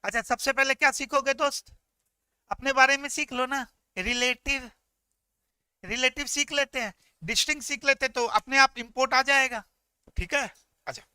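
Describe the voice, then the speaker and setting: A male tax teacher giving an energetic, joking classroom lecture, talking straight to his students. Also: extremely high pitch, moderate pace, smooth, no echo.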